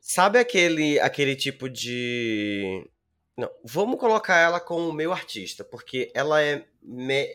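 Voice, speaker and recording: A man's voice: medium pitch, very animated, measured pace, fairly bright tone, clear, resonant tone. A man co-hosting a podcast, chatting casually with slang and frequent swearing. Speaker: podcast co-host. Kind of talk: casual chat.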